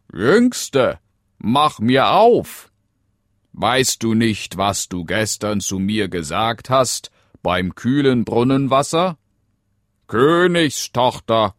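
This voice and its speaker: A man voicing a talking frog in a fairy tale, calling out in a high, loud, drawn-out voice. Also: no room sound, studio quality. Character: pleading talking frog from a well, male.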